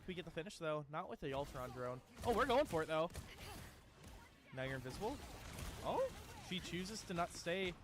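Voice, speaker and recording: Here a man commentates an esports game at a moderate pace, his voice slightly high with lively intonation and long pauses. The casual play-by-play drifts along with "bro," "dude," and fillers at the ends of thoughts.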